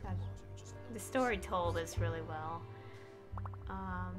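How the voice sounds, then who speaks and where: A woman with a lowish, slow voice streams a game, offering casual commentary that is hesitant and rambling and often trails off. Game music plays in the background.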